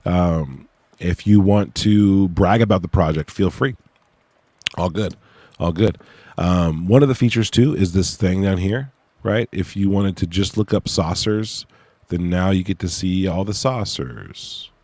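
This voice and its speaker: A man with a low voice, recorded close and dry. He talks like a casual livestream host, informal and a little halting, and his s sounds whistle slightly. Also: darkish tone, no room sound. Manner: informal, slangy, hesitant. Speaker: livestream host presenting own research project. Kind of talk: casual livestream chat with read-aloud case notes.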